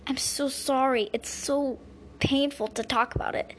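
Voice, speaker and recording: A young girl voicing a kind, grieving grandfather who speaks haltingly with many pauses and fillers, in a home-made story. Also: very high voice, a little hiss or hum. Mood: sad. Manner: hesitant, halting speech with fillers. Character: kind grieving grandfather, gentle and soft-spoken.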